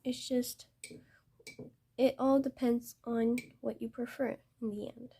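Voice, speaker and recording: Soft, halting young woman teaching painting. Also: a little high, flat delivery, husky. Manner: hesitant, halting, self-correcting. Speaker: art tutor. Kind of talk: painting demonstration tutorial.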